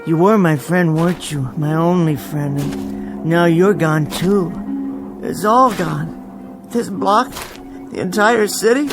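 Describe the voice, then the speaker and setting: In an old-time radio drama with music underneath, a male actor with a somewhat high voice plays a meek, bookish bank clerk who is the dazed lone survivor. Grieving and disbelieving, he talks to himself, falling into halting repetitions when shaken.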